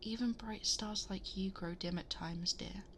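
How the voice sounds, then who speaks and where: A woman as Princess Rosalina, soft motherly half-whisper. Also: mid-range voice, steady tone, unhurried, a little hiss or hum. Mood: soothing, reassuring. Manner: soothing, tender, reassuring, often breathy half-whisper. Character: gentle, motherly ageless cosmic princess, comforting a lost child. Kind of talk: ASMR bedtime story roleplay. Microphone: close binaural 3Dio microphone.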